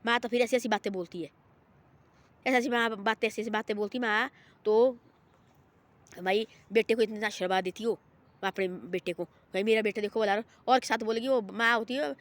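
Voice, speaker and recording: A woman's voice: on the high side, normal speed. Lady telling a moral tale, rambly, repeats herself a lot, acts out the people in it. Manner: rambling and repetitive, voices the people in her story. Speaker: storyteller. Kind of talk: informal moral storytelling.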